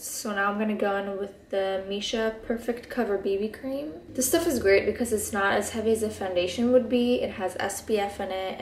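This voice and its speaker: This beauty vlogger, a sleepy Israeli woman in her twenties with Hebrew as her first language, does her makeup indoors in her bedroom while chatting casually, laid-back and heavy on ums and likes. Her voice is medium-pitched and a little mellow, with slight background noise. The camera is at close desk distance, and the recording is echoey.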